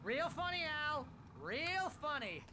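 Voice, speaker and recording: A jittery sarcastic agent. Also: male voice, very high-pitched, sing-song, slow pace, pushed and bright, slight background noise, full character voice. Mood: whiny. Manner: sarcastic, whiny complaining. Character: jittery wisecracking male literary agent. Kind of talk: video game cutscene acting.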